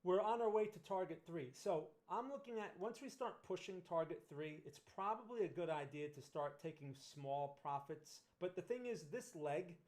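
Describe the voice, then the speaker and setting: Animated and moderately paced with few pauses, his high, darkish voice carries a New Jersey accent as this middle-aged Northern Jersey man runs a relaxed trading livestream. His talk is conversational, full of restarts and "right?" tag questions.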